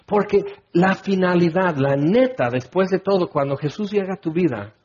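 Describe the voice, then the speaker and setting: A man preaching a sermon, animated and acting out little scenes in put-on voices. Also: sits high, normal speed, slightly rough. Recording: dull lo-fi recording.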